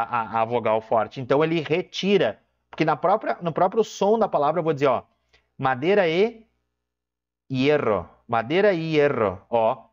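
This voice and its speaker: A man teaching Spanish, walking through exam questions and often checking in with his students. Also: fairly high pitch. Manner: explanatory, keeps checking in with "tá?" and "ó". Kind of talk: exam question walkthrough lesson. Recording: dull lo-fi recording.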